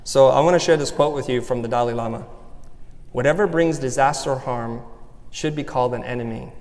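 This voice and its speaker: A man's voice: medium pitch, fairly quick, darkish tone. A man giving a motivational talk on stage, earnest and personal as he walks the audience through an exercise. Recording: long hall reverb.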